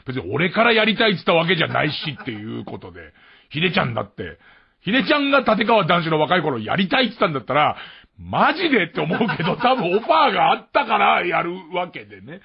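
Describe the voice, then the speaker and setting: This muffled mono radio archive captures a late-night host from Tokyo, speaking with a Tokyo accent. His fairly high, gravelly voice carries a breathy edge as he meanders through a relaxed, self-deprecating monologue full of chuckles.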